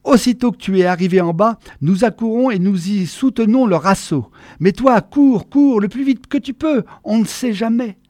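A man's voice: high-pitched, animated, normal speed, hardly any pauses, a little mellow, no room sound, clean studio sound. A man reading a story aloud and voicing a sly, scheming boy who plays general and coaxes another child with false friendliness. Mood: sly urging.

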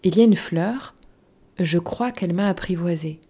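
A woman's voice: on the low side, moderate pace, warm tone, husky. A woman voicing a polite, curious little boy prince in a storybook reading, earnest and questioning.

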